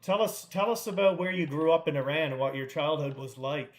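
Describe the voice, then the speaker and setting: A man hosting a livestream in a relaxed, joking way, laughing often. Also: fairly high pitch, fairly quick. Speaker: livestream host. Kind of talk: casual livestream chat.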